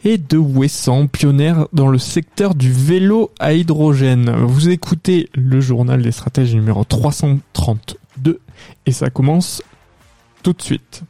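A man hosts an economic news podcast, talking through the press review in a relaxed way with frequent hesitations. His voice is very dark and gravelly. The sound is dry and close, with no room in it. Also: medium pitch, measured pace, dry recording, faint music behind. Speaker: podcast host.

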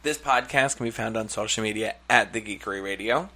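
A man's voice: lowish voice, fairly quick, bright, forceful tone. A man co-hosting a podcast in casual, teasing banter. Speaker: podcast co-host.

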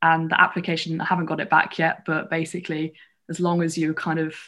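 A woman's voice: low voice, monotone, brisk, fairly bright tone. A woman in her twenties with a southern English accent, talking casually as a guest in an interview. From England, grew up in London and Bath. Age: 20s. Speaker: podcast guest, athlete. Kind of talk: casual chat.

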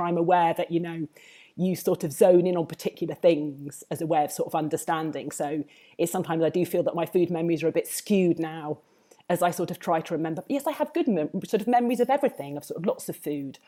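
A woman with a soft-edged, mellow voice that sits a little low speaks in a Home Counties English accent. She chats reflectively as an interview guest, rephrasing and looping back through her thoughts. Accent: southern English, Home Counties. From Hertfordshire, England. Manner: discursive, circling back with repeated hedging phrases. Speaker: food writer, interview guest.

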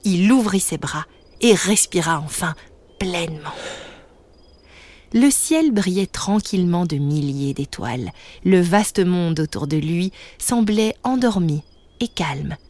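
A woman narrating a children's bedtime story in a gentle, sometimes hushed way. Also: lowish voice, animated, slow, dry recording.

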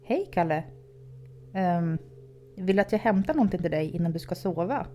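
A woman's voice: lowish voice, animated, mellow, slight background noise, lightly acted. A woman voicing a nervous, polite teenage male babysitter who stammers anxiously.

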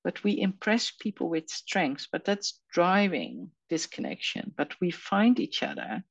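Woman guest, gravelly voice, earnest, dry dull recording. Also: lowish voice, big pitch swings, measured pace, dry recording. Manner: earnest, speaks in long flowing run-on thoughts. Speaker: guest, empathy trainer. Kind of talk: interview conversation.

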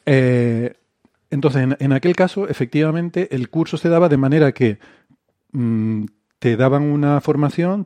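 A man from Spain with a mellow, warm voice speaks as co-host in a casual debate. He tells his story at a measured pace with many fillers, and his voice sounds dry and close to the mic. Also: medium pitch, dry recording. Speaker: podcast co-host.

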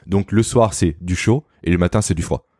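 A guest on an explanatory podcast explains health topics fast and didactically, addressing the listener informally. His voice sits low with a warm tone, in a clean studio recording with no echo.

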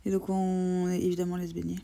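A woman's voice: lowish voice, monotone, fast talker, creaky, mellow. A young woman co-hosting a travel podcast, telling the trip with teasing, sarcastic banter. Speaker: podcast co-host. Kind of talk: casual travel chat.

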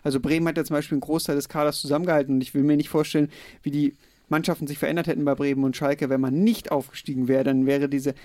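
A man talking casually as a podcast co-host, with plenty of filler sounds. His voice is a bit high and his pace is brisk. The recording is close and dry. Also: little pitch movement, darkish tone, no room sound. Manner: chatty, many fillers. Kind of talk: casual football chat.

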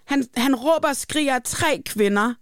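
A woman's voice: sits high, dry recording, studio quality. A woman hosting a podcast in casual chat, blunt and emphatic, swearing casually. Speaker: podcast host.

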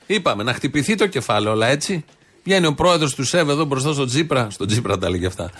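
A man's voice: mid-range voice, animated, fairly bright tone, slightly rough. A man co-hosting a talk show, chatting casually and mocking politics with sarcastic asides. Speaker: radio show co-host. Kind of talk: casual satirical political banter.

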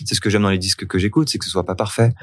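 Very deep-voiced man, halting. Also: fairly even intonation, a little hiss or hum. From France. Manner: hesitant, many fillers and restarts. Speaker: singer-songwriter guest. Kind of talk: relaxed interview talk.

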